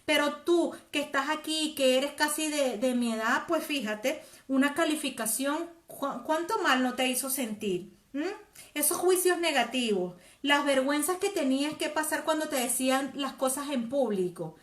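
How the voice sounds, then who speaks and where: A woman's voice: high-pitched, expressive, normal speed, roomy sound. A woman, hosting a live talk and coaching viewers directly. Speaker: host. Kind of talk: live-stream talk reading viewer comments.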